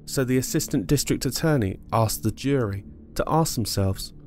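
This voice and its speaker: A man narrating a true-crime podcast, reading court testimony in a measured, steady way. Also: mid-range voice. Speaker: podcast host.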